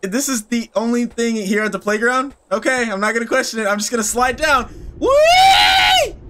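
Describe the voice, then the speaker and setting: A man's voice: very high voice, steady tone, brisk, very noisy. A young man giving playful horror game commentary as a scared streamer, nervous and mock-cheerful with exaggerated reactions. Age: young adult. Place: small indoor streaming room.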